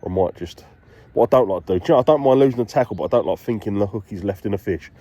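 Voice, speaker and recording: Stuffy-nosed British man, low voice. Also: animated, very fast, mellow. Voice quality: congested, stuffy-nosed from a cold. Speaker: angler filming a fishing vlog. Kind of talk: casual chat to camera while fishing. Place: outdoors by the water.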